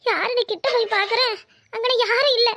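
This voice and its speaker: A woman's voice: very high-pitched, steady tone, brisk, fairly bright tone. A woman voicing a gossipy, easily frightened village neighbour in a cartoon, who chatters and shrieks. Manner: chattering rural speech, shrieking when scared. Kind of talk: cartoon voice acting.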